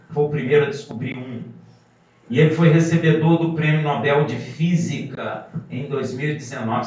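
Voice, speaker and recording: A man preaches a sermon in a slightly high voice, pressing his points with rhetorical questions. He sounds far from the microphone in a heavily echoing hall. The sound is dull and muffled. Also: slight background noise. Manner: emphatic, rhetorical questions to the congregation. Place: congregation hall. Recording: muffled, very echoey hall from a distance.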